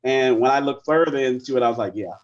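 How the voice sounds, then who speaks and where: Raised in the Bahamas, this man in his forties is a guest musician in a casual interview chat, talking fast but in a relaxed, rambling way with plenty of fillers. His voice sits at an ordinary middle pitch. The recording sounds dull, lo-fi and slightly muffled.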